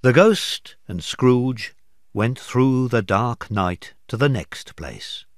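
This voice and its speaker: A man, an English teacher, reading a storybook aloud slowly and expressively for learners. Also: mid-range voice, expressive, no room sound, clean studio sound.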